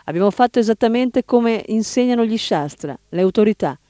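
A man's voice: high-pitched, expressive, fairly quick, no room sound, clean studio sound, voice pushed up. Man reading as an insistent old spiritual teacher. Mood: firm. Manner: emphatic, rising to sudden shouts. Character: elderly male spiritual teacher, firm and insistent.

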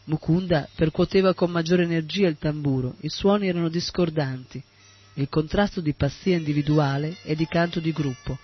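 A man reading a devotional story as narrator, in a steady, measured way. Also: fairly high pitch, slightly rough, faint music behind. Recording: dull, muffled recording with faint sitar.

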